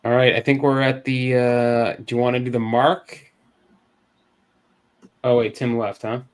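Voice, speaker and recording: A man's voice: mid-range voice, level tone, a little slow, smooth. A man hosting a casual live-stream card giveaway over a video call, loose and chatty, often restarting his sentences.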